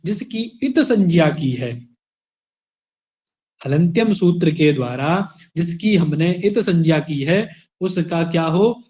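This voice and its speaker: A man's voice: high voice, a little mellow, muffled recording. A man teaching a Sanskrit grammar class online, explaining step by step and answering his own questions. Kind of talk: online exam-prep lecture.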